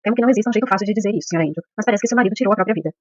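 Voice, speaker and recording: A woman reading an audiobook voices a solemn male embassy official, speaking gravely and carefully as he delivers bad news. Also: high voice, rapid-fire, muffled recording.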